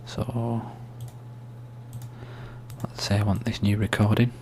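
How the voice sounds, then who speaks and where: A soft-spoken man giving an ASMR-style screen tutorial, explaining steps in a hushed, unhurried, informal way. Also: on the low side, flat delivery. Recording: faint hum and background noise.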